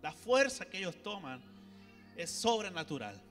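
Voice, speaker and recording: A man's voice: high-pitched, very animated, a little slow, a bit bright, in a large hall, faint music behind. A man, a pastor preaching animatedly and speaking directly to the congregation. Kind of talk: sermon. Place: church hall.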